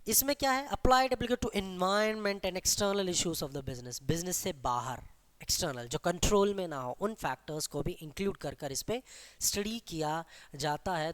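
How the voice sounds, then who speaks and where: An economics teacher giving an exam-prep lecture, asking the class questions and answering them, and slowing down to dictate definitions. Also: mid-range voice. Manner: mixes English terms into Hindi explanation; slows down to dictate key definitions.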